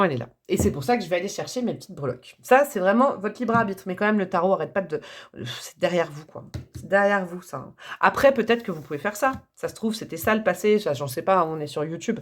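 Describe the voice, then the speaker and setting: A woman's voice: fairly low pitch, expressive, brisk. A woman with a French accent giving a casual, chatty tarot reading to her viewers, wandering off on tangents and laughing at herself. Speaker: tarot reader.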